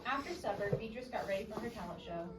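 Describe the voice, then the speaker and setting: Reading a children's story at a quick pace, a woman uses her medium-pitched voice expressively, posing questions in a teacherly way. The mic sits at a distance, picking up an echoey, noisy room.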